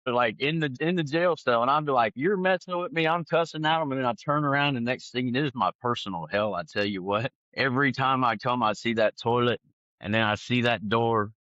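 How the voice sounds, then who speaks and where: A man telling his testimony in an animated, conversational way. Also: medium pitch, brisk, dry recording, lo-fi sound. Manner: animated, acts out other people's lines. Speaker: guest sharing his testimony. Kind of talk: conversational storytelling.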